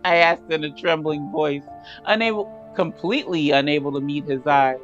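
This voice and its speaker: A woman's voice: low voice, normal speed, dull audio, over music. Sleepy, sassy woman narrating a game. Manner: sassy, joking asides to the characters. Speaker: game streamer. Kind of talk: casual let's-play commentary.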